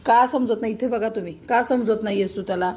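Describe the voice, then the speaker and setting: A woman's voice: fairly high pitch, fast talker, a little mellow. A woman vlogger talking to her pet cats at home, scolding and coaxing them like children while chopping vegetables.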